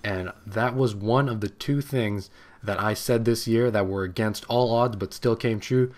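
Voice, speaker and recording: A young man in his late teens tells a personal story as commentary over gameplay. He rambles and gets excited as he goes, in a voice that sits a little low. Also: measured pace. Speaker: gaming channel host.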